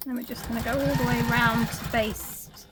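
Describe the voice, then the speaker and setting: A woman talking through a sewing tutorial step by step, chatty and practical, her voice going husky at times. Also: fairly high pitch, flat delivery, normal speed, heavy background noise. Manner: chatty step-by-step instructions, drops into whispers. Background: sewing machine.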